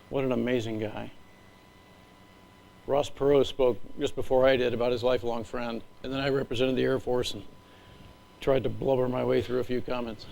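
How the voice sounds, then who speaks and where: A middle-aged man, an Air Force leader, gives an earnest, emotional speech from slides with measured pauses. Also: mid-range voice, vocal fry, dark tone, poor audio.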